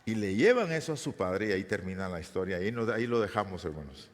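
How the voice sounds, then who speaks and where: A man's voice: low-pitched, lively intonation, fast. A man preaching a sermon as pastor, retelling a scripture story and asking his congregation questions. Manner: retells scripture, briefly voicing the figures; addresses the congregation as brothers, asks questions. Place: church hall. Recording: long echoing church hall reverb.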